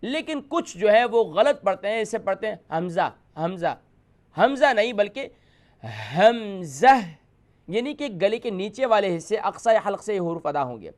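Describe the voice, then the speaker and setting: High-voiced man teaching letter sounds. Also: animated, few pauses. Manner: patient, repetitive explaining, demonstrates sounds. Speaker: host teaching letter pronunciation. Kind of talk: televised call-in lesson.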